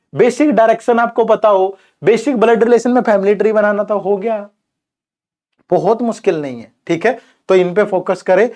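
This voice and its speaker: A man's voice: sits high, a little mellow. A young man teaching an exam prep lesson in casual Hindi, who keeps saying "theek hai" and "yaar". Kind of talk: informal Hindi lecture.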